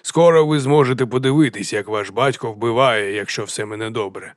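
A fat, grinning hill chieftain, put on by a male audiobook reader, stretches his words into a lazy sing-song. He slides from a near-whisper to a booming boast without warning, unsettling and merry at once. The voice sits at an ordinary male pitch in a dry, close recording. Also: brisk, no room sound, natural voice. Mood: jovial, unhinged. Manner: drawling and sing-song, swinging between hushed and loud. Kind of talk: audiobook character voice.

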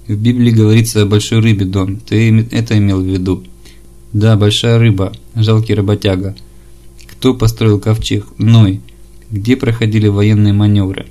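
A man reading an audiobook chapter, voicing every part in the same measured, level delivery. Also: on the low side, mellow. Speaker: audiobook narrator.

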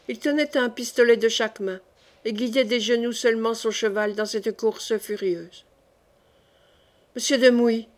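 A woman reading a classic historical novel aloud in a clear, measured audiobook narration. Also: on the high side.

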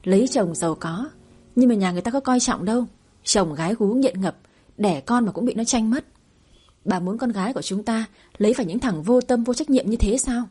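A woman's voice: a little high, lively intonation, brisk, mellow, breathy edge. A woman storyteller voicing an angry middle-aged husband who scolds his wife in a spoken audio story. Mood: reproachful. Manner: reproachful, scolding.

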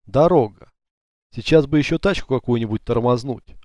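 Male reader doing a coarse young thug in a storybook, blunt slang, dark tone, dry close mic. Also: mid-range voice, moderate pace, no echo, lightly acted. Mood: rough excited.

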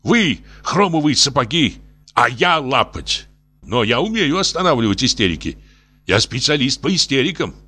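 A man's voice: mid-range voice, very animated, fairly quick, pushed and bright, pitched above the performer's own voice. A man voicing a simple, blunt plumber who barks orders in plain words.

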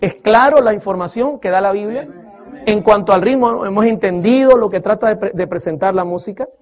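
A man's voice: sits high, a little fast. A man preaching a sermon-style lecture on music, emphatic, asking his listeners questions and counting beats aloud. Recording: dull lo-fi recording.

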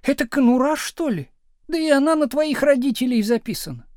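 A bitter young wife in an audiobook, as a man reads her, pitched far above his own voice and biting off each complaint. Her scolding is sharp and scornful, and the dry, close reading leaves no room around her. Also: lively intonation, a little fast, no echo. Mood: scornful, shrill. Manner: sharp, scolding, shouting at times.

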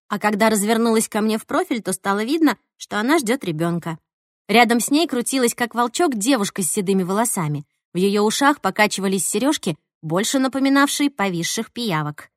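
A woman narrating a first-person audiobook with a higher voice that rises and falls freely. Her reading is playful and expressive. The recording is close and dry. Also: brisk, dry recording.

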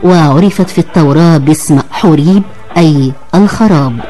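An Egyptian woman reading a scripted radio documentary as a formal, measured narrator. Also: low voice, warm tone, soft background music.

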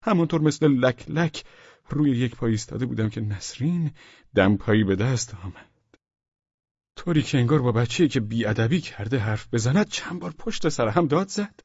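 A man narrating a humorous audiobook in a wry, expressive storytelling manner. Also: medium pitch, husky, no echo, lo-fi sound.

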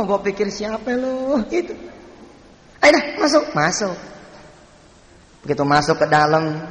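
Lively preacher. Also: male voice, high voice, slight background noise. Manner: lively, jokey storytelling that addresses the congregation. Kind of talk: storytelling sermon. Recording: echoey hall with long reverb.

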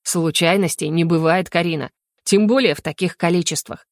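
A woman voicing a cold, stern male inquisitor who speaks slowly and measuredly, in an audiobook. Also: fairly low pitch, dry recording, studio quality, lightly acted. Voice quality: slow, measured, icy. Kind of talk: audiobook character voice.

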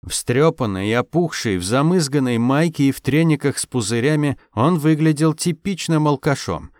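A man's voice: fairly high pitch, animated, moderate pace, a little mellow, no room sound, studio quality. A man reading a first-person story aloud as scripted narration, in a wry, ironic storytelling manner. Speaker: audiobook reader.

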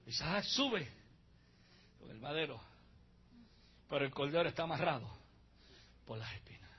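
Male pastor, high breathy voice, dramatic sermon delivery, muffled church recording. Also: lively intonation, moderate pace. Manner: dramatic preaching, swinging from hushed to shouted. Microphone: handheld mic.

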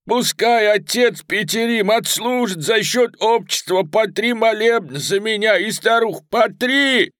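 A man voicing a frail old male watchman who cries out in a high, strained voice from far away. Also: a little slow, hardly any pauses, dry recording. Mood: desperate. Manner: high, strained, faint shouting.

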